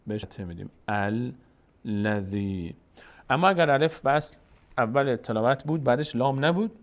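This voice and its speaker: A man with a Tajik-influenced Persian accent teaching Quran recitation, explaining the rules and slowly drawing out each Arabic word as he demonstrates it. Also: medium pitch. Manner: slow, drawn-out demonstration of Arabic words between explanations. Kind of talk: recitation lesson.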